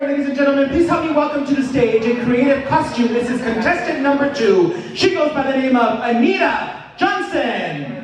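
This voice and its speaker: A man's voice: very high-pitched, lively intonation, normal speed, hardly any pauses. A man hosting a pageant on stage, announcing contestants to a live audience in a hyped, showy emcee manner. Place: large indoor event venue with stage. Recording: echoey hall, distant PA, loud crowd.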